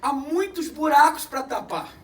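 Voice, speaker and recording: High-voiced Brazilian pastor preaching in an echoey hall. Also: male voice, expressive, unhurried, far from the mic. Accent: Brazilian Portuguese, Rio de Janeiro. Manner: swings from loud emphatic preaching to low quiet asides. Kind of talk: sermon. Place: church service held in a cinema hall.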